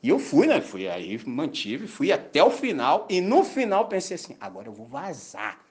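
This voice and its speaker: Animated Brazilian preacher man. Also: high-pitched, moderate pace. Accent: Brazilian Portuguese. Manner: colloquial, animated storytelling with slang. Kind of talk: sermon.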